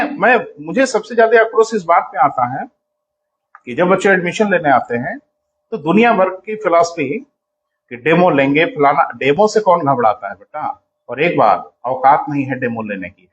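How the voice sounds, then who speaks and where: A man's voice: sits high, fairly bright tone, rough recording. Stern lecturing male coaching teacher. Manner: stern, lecturing, scolding then explaining; calls students "beta". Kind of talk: classroom lecture.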